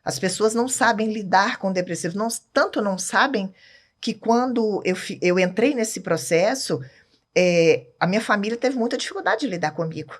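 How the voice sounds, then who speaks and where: With a medium-pitched, slightly rough voice at a moderate pace, this Brazilian woman talks as a guest on a podcast. She is emphatic and candid, her accent is Brazilian Portuguese, and she repeatedly asks "entende?" to make sure the listener is following.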